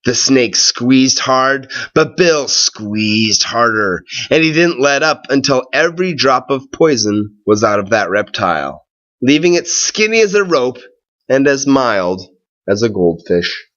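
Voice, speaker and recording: A storyteller reads a tall tale aloud slowly, in a medium-pitched, animated voice with a fairly bright tone. His expressive storybook narration is deliberate and dramatic in its phrasing. The recording sounds a little dull.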